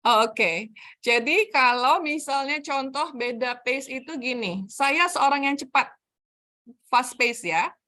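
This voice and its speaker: A woman's voice: high-pitched, expressive, takes it slowly, sharp tone. A middle-aged woman giving a chatty, anecdote-filled career talk over a video call. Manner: chatty, anecdotal, laughs between stories. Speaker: HR trainer, session speaker.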